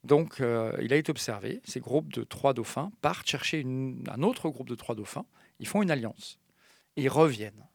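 A man with a gravelly, fry-tinged voice explains animal behavior as a guest on a science radio interview. He talks in a lively way, often breaking off and restarting phrases. The sound is dry and close. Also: medium pitch, normal speed, no echo. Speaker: expert guest.

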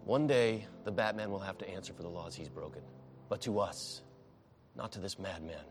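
An actor playing a grave male city official giving a measured public speech in a film clip. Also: sits low, lightly acted. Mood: solemn. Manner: solemn, measured delivery. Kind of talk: film scene. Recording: film clip with music beneath.

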